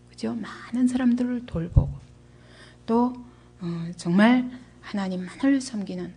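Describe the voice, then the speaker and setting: A woman's voice: fairly high pitch, dark tone. A woman pastor preaching a sermon to a congregation, asking them questions and acting out the voices she quotes. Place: church.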